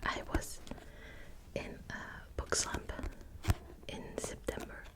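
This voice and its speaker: This is a young Belgian woman with a Dutch accent, gently and hesitantly whispering on her ASMR channel about books. She takes her time, and many small fillers slip in.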